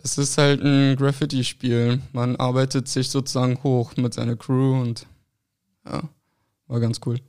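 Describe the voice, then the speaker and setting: Speaking a little slowly in a level, medium-pitched voice that is clear, resonant, and a little mellow, a young French-born, Berlin-raised footballer gives casual interview answers. They're short and hesitant, with many fillers.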